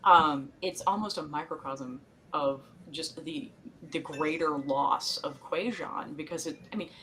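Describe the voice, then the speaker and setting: Chatty lower-voiced woman podcaster. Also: a little slow, bright, forceful tone, a little hiss or hum, low-quality recording. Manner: chatty, meandering, frequent laughs and fillers. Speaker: podcast co-host. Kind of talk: casual chat recapping a TV episode.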